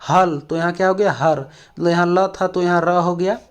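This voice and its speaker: A man's voice: sits high, fairly even intonation, normal speed, clear, resonant tone. A man from Jharkhand teaching an exam-prep language lesson, explaining step by step with lots of fillers and repeated questions to the class. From Jharkhand, India.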